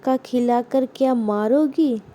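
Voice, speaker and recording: A woman voicing a nagging, sharp-tongued elderly mother-in-law who scolds and complains. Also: high-pitched, slow pace. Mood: scolding.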